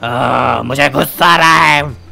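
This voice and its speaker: A man's voice: on the high side, takes it slowly, gravelly, bright, forceful tone, soft background music, heavily acted. A man voicing an angry male gangster boss who scolds and threatens his men. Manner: barking, scolding.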